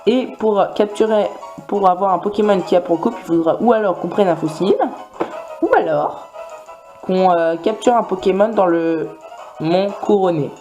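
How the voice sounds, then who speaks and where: Over soft background music, a let's player rambles through casual gameplay commentary full of fillers and restarts. His voice sits high with a darkish tone, and he talks at a moderate pace.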